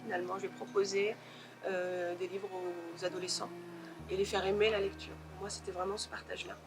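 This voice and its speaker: A woman novelist answering interview questions in a thoughtful way, pausing often to search for her words. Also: fairly low pitch, flat delivery, background noise.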